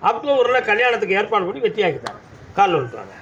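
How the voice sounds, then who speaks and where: Speaking as the deity at a village temple in Tamil Nadu, a man with a southern Tamil accent gives devotees commanding, scolding answers in a trance oracle. His high, sing-song voice races along with a fairly bright tone. The audio is dull, with faint background noise.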